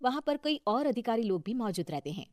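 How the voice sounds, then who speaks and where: A woman's voice: fairly high pitch, sing-song, brisk, darkish tone, no echo, clean studio sound. A woman narrating a scripted moral story as a storyteller.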